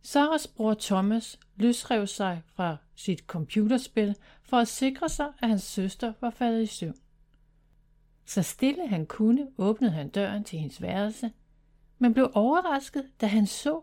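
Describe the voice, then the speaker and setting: A woman reading a children's fantasy story aloud, in steady, even narration. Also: fairly high pitch.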